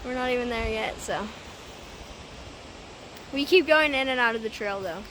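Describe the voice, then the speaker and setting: A woman's voice: a little high, lively intonation, normal speed, fairly bright tone, slight background noise, low-quality recording. A woman out of breath on a mountain trail outdoors, playfully complaining as she climbs. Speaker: hiking companion.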